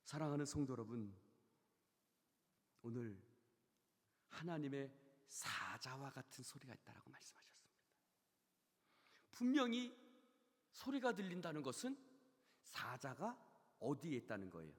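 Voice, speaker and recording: Male pastor, sermon, lively swooping delivery, husky voice, long hall reverb, whisper-to-shout swings. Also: medium pitch, moderate pace, long pauses. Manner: swings from hushed near-whispers to loud shouted peaks; asks the congregation questions and has them repeat phrases. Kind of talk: Wednesday service sermon. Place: church sanctuary.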